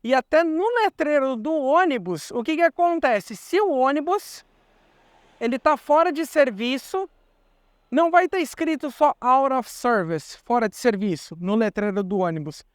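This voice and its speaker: A man's voice: very high-pitched, expressive, normal speed, no echo. A young Brazilian man with a Brazilian Portuguese accent, explaining things in a chatty vlog and repeating words for emphasis. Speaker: vlogger.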